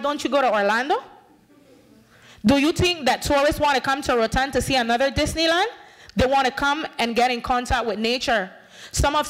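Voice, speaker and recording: A Bay Islands woman in her thirties, a panel speaker and community activist with a Bay Islands English accent, gives an emphatic, impassioned conference talk into a podium microphone. Her voice sits high and a bit bright, and she gestures widely while acting out conversations.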